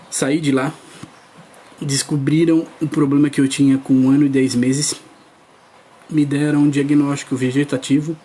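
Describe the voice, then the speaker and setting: A man's voice: medium pitch, mellow, a little hiss or hum. A man giving an earnest testimony sermon, speaking directly to the congregation. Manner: earnest, addresses the crowd directly.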